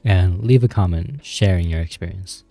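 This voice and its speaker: Male vlogger with a low, mellow voice and loose filler-heavy chat, faint music behind. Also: normal speed, dry recording. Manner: rambling, loose, full of "like" and "you know" fillers; laughs at himself, informal with swearing. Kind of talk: casual advice talk to camera.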